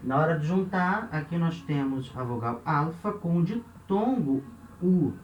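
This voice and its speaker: A man's voice: fairly high pitch, lively intonation, unhurried, recorded from a distance, highs cut off. A Brazilian man with a Brazilian Portuguese accent, teaching a lesson step by step, counting aloud and often checking with his listeners. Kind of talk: classroom lesson at a board. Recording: roomy echo, off-mic, faint hiss.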